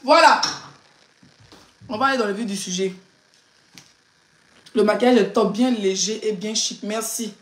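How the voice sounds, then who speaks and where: A woman's voice: medium pitch, unhurried, long pauses. A woman, a blogger and influencer chatting casually on a live stream, laughing, teasing and ranting. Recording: roomy echo.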